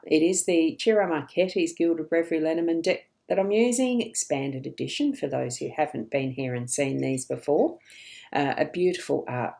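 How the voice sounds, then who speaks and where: Chatty female psychic host, low warm voice, rambling live card reading. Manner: chatty, laughing, rambling asides. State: hiccups.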